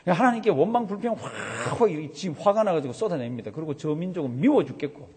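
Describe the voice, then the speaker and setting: A man's voice: on the high side, lively intonation, rapid-fire, a little mellow, slightly rough, in a large hall. A man preaching a sermon as pastor, telling the story animatedly and full of vivid sound words.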